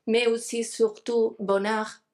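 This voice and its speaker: A woman's voice: on the high side, level tone, slow, darkish tone. A woman with a foreign accent in French, a non-native speaker giving an academic lecture, hesitant as she searches for words. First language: not French.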